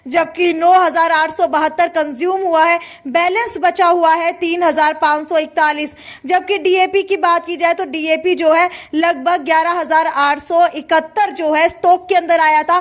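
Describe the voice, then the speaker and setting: A woman presents local breaking news. Her delivery is semi-formal and spoken, padded with recurring stock filler phrases. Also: extremely high pitch. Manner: repeats filler phrases between news items.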